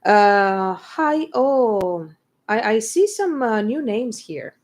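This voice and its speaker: A woman's voice: on the high side, very animated, slow pace, a little mellow. Bickering young woman. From England. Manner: bickering, swears casually. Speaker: band member co-hosting a stream. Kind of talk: casual banter.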